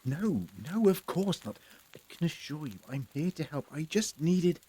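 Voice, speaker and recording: A man playing a kindly, wry time-travelling doctor in an audio drama, speaking in measured, old-fashioned polite phrases. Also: fairly high pitch, big pitch swings, mellow, husky, dry recording. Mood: pleading, protective.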